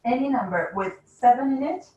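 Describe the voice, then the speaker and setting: A woman leading teachers through a classroom game, giving quick, instructive directions and laughing often. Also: sits high, lively intonation, mellow, a little hiss or hum. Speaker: teacher trainer. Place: classroom or training room. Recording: roomy, distant, dull classroom sound.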